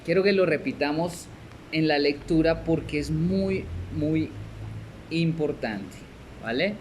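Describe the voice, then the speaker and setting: A fairly high-pitched man with a darkish tone speaks slowly over a faint hiss or hum. In a Colombian Spanish accent he runs a conversational discipleship class, repeatedly checking in with "¿cierto?" and "¿sí?", laughing here and there, and dramatizing small scenes.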